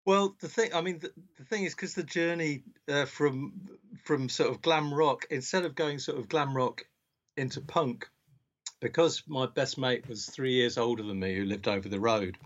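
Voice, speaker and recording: A man's voice: medium pitch, normal speed. A man in his sixties with a southern English home counties accent, chatting casually and reminiscing, often repeating words as he starts a sentence. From born in Scotland, grew up in Berkshire, England. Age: 60s. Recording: dull, muffled lo-fi sound.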